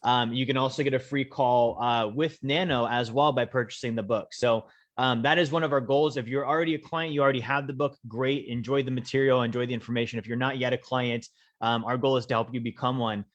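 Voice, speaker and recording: A man from Alaska hosting a webinar, talking in a measured way, slowing down to stress key points with frequent "okay?". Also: medium pitch, steady tone, muffled recording. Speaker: host, wealth coach. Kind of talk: casual webinar presentation.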